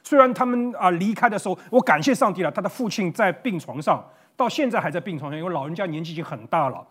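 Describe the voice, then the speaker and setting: A man's voice: high voice, lively intonation, fast talker, fairly bright tone, husky. A man preaching an online Sunday sermon to a camera, earnest and conversational, stumbling over words at times. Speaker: pastor. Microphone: facing a camera.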